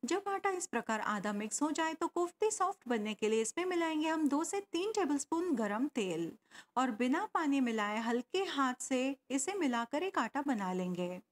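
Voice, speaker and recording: A woman talks through a home cooking recipe. She explains step by step and adds tips along the way. Her voice is high and swings widely in pitch. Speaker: cooking channel host. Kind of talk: recipe voice-over narration.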